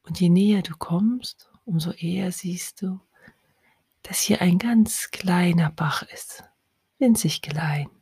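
Whispering close to the microphone, a woman guides the listener through hypnosis in a low, breathy, mellow voice. Her pace is very unhurried and drawn out, slow and calming. There's no room sound at all in the dry recording.

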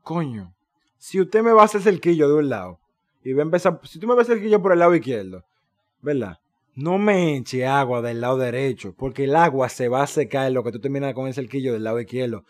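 A young man with a Dominican Spanish accent, co-hosting a podcast and telling stories in slangy, animated casual chat. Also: medium pitch, fast. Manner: animated, slangy storytelling with swearing. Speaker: podcast co-host.

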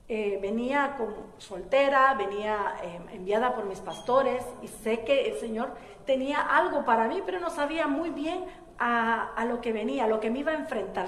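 A woman with a high, bright voice preaches a sermon in a roomy, echoing church hall. She drops to a soft, intimate tone for her stories, then rises into loud, fervent exhortation. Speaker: pastor.

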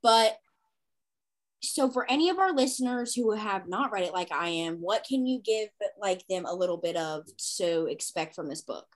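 A woman's voice: medium pitch, normal speed. A woman with a Southern US accent hosting a podcast, telling stories animatedly and acting out quotes. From American South. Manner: animated storyteller who acts out quotes, swears freely. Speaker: podcast host. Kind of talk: casual chat.

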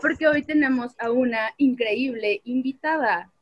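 A woman's voice: sits high, measured pace. A woman, co-hosting a podcast in casual chat. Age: 20s. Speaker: podcast co-host. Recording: dull lo-fi call audio.

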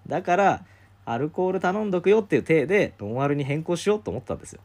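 A man casually telling a story to a co-host, acting out the quoted voices in a rough, informal way. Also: fairly high pitch, sing-song, fast, a little mellow. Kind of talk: casual chat.

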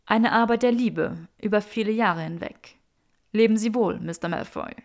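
A woman voicing a weary, courtly male aristocrat who collects rare things, speaking in a polite, measured way. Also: mid-range voice, close to an everyday voice. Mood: courteous.

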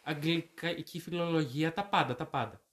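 A young man from Greece chatting as a guest, telling animated stories and correcting himself as he goes. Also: a little high. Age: young adult. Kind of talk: casual chat.

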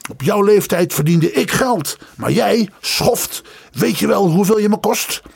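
Guy putting on a screechy old dad losing it, way high, yelling, kinda gravelly. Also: lively intonation, measured pace, exaggerated voice. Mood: raging. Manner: shrieking, furious ranting. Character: raging miserly old father, tyrant.

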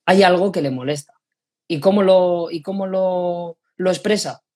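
A man's voice: sits high, fairly even intonation, normal speed, darkish tone, husky. A man hosting a podcast, talking in a reflective way and explaining his point with examples. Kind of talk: casual podcast conversation.

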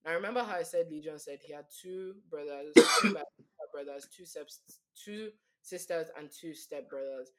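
Animated woman telling a story casually. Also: deep voice, normal speed, hardly any pauses. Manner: animated retelling, acts out quotes, laughs often. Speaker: podcast co-host.

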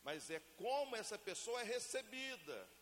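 High-voiced Brazilian pastor preaching in a hall. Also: male voice, normal speed. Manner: lively preaching, call-and-response with the congregation; acts out family scenes in everyday voices. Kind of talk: sermon. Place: church hall. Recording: reverberant church hall, faint hiss.

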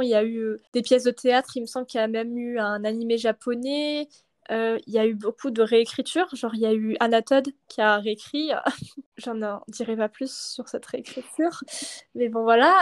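A woman's voice: on the high side, fairly even intonation, brisk. A young woman speaking French as her own language, chatting casually as a podcast host, rambling and hesitant with many fillers and laughs. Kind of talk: casual chat.

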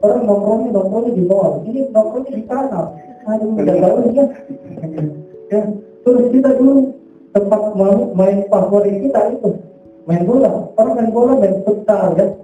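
A man's voice: high-pitched, moderate pace, dark tone, soft background music. A man giving a casual sermon testimony, talking in short phrases with constant filler tags, recorded from far off in a very echoey hall.

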